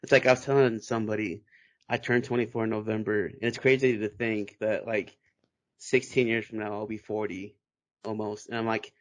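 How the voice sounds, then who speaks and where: A man's voice: on the low side, little pitch movement, normal speed. A man in his twenties from Texas, hosting a casual podcast chat and laughing often. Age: 20s. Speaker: podcast host.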